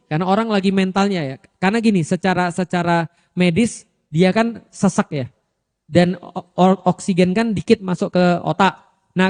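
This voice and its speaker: A man with a high, bright voice preaches in a loose, chatty way. He mimics the people in his stories with sudden leaps up and down in his voice. The sound carries a long reverb, as from a large hall. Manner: conversational, acts out quoted voices with sharp pitch jumps. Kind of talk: sermon.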